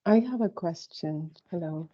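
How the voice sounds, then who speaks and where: A woman's voice: fairly low pitch, lively intonation, unhurried, warm tone. A woman in the audience asking a question at a talk, hesitant and full of fillers. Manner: hesitant, lots of fillers and hedging. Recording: dull, slightly lo-fi talk recording.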